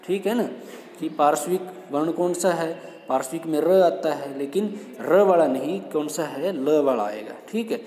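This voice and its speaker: A man's voice: fairly high pitch, dark tone. Man teaching in an echoey room. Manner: explains patiently, often checks in with students. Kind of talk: explaining a lesson to students. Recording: echoey room with long reverb.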